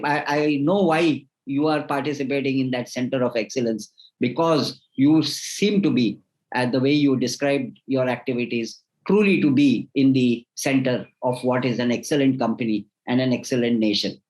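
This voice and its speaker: A man's voice: mid-range voice, a little mellow, rough recording. A man, a host giving formal, effusive closing remarks with frequent restarts. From India.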